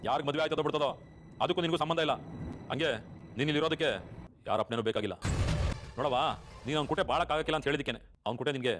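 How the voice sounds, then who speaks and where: A middle-aged actor in a TV serial playing an authoritative village politician and family head, firm and commanding. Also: male voice, on the high side, racing, pauses often, noisy background, natural voice. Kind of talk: TV serial acting. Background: background music score.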